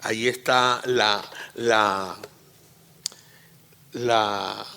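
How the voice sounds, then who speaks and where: Bright-voiced man preaching in a reverberant hall. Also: lowish voice, steady tone, extremely slow, vocal fry, clear, resonant tone. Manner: teaching, repeats phrases, asks the congregation questions; swings between loud emphatic peaks and quiet asides. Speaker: pastor. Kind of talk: sermon.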